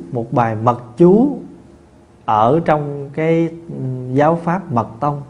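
A man, a Buddhist monk teacher giving a dharma talk in a folksy, conversational way, with many fillers and restarts and lively anecdotes. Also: on the high side, muffled recording. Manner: tells lively anecdotes with laughter. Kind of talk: dharma talk answering questions.

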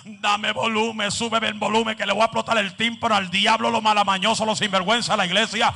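Gravelly high-voiced fervent evangelist man. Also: flat delivery, quick pace. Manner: fervent, mixes in English phrases; shouted repeated refrains. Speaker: evangelist preacher. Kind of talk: fiery Pentecostal sermon.

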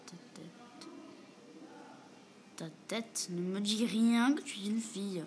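A woman casually chatting with a chatbot on camera at home, reading its replies aloud and often dropping to a quiet, half-whispered mutter. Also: mid-range voice, moderate pace, faint music behind. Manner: reads the bot's replies aloud and answers them. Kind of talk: casual gaming commentary. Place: room at home with a door.

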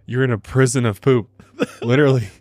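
Swearing, animated podcast guy. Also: mid-range voice, fairly quick, dry recording, clean studio sound, soft background music. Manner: animated, swears, reacts loudly. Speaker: podcast co-host. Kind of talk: casual chat.

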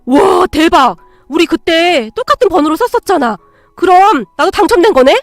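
Woman putting on a shouting greedy ex-boyfriend. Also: extremely high pitch, lively intonation, moderate pace, dry recording, soft background music, voice pushed up. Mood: excited. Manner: shouting, drunk and demanding. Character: hotheaded greedy young ex-boyfriend.

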